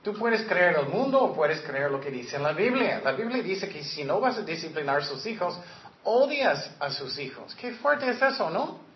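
A man's voice: sits high, sing-song, normal speed. A man preaching a sermon as a pastor, earnest and direct, sometimes acting out the voices he quotes. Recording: echoey, dull lo-fi room recording.

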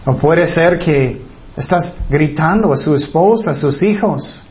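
Guy preaching a sermon, kinda high voice, earnest, drops low on the sad words, muffled recording. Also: unhurried. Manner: earnest, dropping his voice low on heavy words.

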